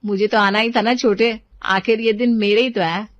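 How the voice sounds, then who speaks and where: A woman's voice: mid-range voice, fairly even intonation, normal speed, no echo, muffled recording, close to an everyday voice. A woman voicing a lazy, sassy young married daughter in a storybook tale. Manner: sassy, bossy. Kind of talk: storybook voice acting.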